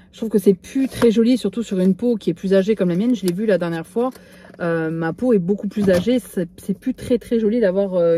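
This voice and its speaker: A woman's voice: mid-range voice, mellow, a little hiss or hum. A middle-aged woman chatting casually in her vlog, self-mocking and hesitant, often trailing off with fillers. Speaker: vlogger.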